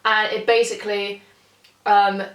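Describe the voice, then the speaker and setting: A woman's voice: mid-range voice, level tone, measured pace. A young woman, chatting casually to camera as a vlogger, gushing and swearing a lot. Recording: roomy sound, mic far off, faint music.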